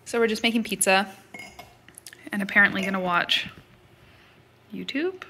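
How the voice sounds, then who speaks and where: A woman's voice: medium pitch, moderate pace, sharp tone, a little hiss or hum. A young woman vlogging casually at home, recorded on a phone camera, chatty and laughing easily between fillers. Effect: voice captured on a phone video. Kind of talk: casual chat.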